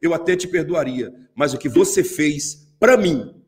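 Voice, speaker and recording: A preacher voicing a betrayed young fiancé who calmly ends the engagement. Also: male voice, on the high side, measured pace. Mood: firm. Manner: firm, resigned. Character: betrayed young fiancé, hurt but firm.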